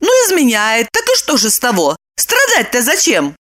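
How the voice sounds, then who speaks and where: A sharp-tongued, gloating woman with a shrill, squeaky voice that leaps up on every jab, as a woman narrator puts her on. Her pitch swings widely as she mocks and lectures. It is an audiobook character voice. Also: wildly swooping pitch, moderate pace, exaggerated voice. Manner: shrill, mocking, with swooping exclamations.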